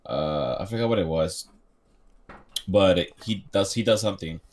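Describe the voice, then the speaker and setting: A man's voice: low voice, expressive, a little slow. A man co-hosting a casual chat podcast, laid-back and chiming in with short questions. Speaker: podcast co-host.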